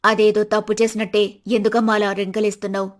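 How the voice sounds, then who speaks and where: A woman voicing a strict, proud middle-aged mother-in-law in an animated storybook, scolding in a stern voice. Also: mid-range voice, quick pace, close to an everyday voice.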